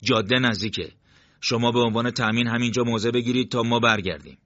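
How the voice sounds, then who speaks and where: A young squad leader gives clipped, urgent orders in a raised, louder voice, as a male narrator puts him on. The recording is dull and lo-fi, with a dry sound. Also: mid-range voice, no echo, pitched above the performer's own voice, natural voice.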